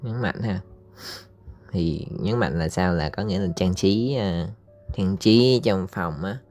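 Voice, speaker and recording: A man with a Southern Vietnamese accent giving a casual English lesson over slides. He pauses often with fillers and draws out English words slowly so listeners can repeat them. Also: deep voice, darkish tone, faint music behind. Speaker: English teacher.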